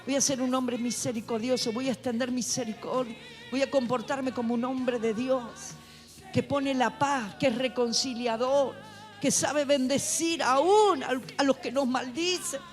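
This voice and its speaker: Fervent high-voiced woman preaching. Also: fairly even intonation, measured pace, soft background music. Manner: fervent, rising to shouts, repetitive exhortation. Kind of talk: sermon. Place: church sanctuary.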